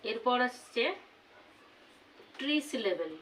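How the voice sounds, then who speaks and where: A woman teaching a grammar lesson, slowly repeating each example word. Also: fairly high pitch, animated, fairly bright tone, slight background noise. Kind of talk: classroom lesson. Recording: voice from far off the mic.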